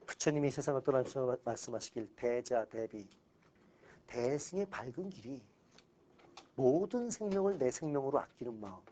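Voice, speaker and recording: Male exam-prep lecturer, mid-pitched, casual and animated, blunt with punchy asides. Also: normal speed. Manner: animated, mixes sharp outbursts with dry asides.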